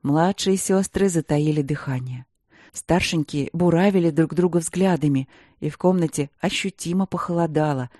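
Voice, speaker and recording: A woman reads an audiobook in a steady, expressive manner. Her voice is fairly low and dark. The recording is dry and close. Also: moderate pace, no room sound. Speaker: audiobook narrator. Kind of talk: scripted audiobook narration.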